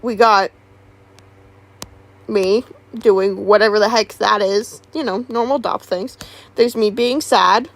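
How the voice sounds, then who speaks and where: A woman streamer in casual livestream chat, rambling and halting with many restarts. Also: medium pitch, steady tone.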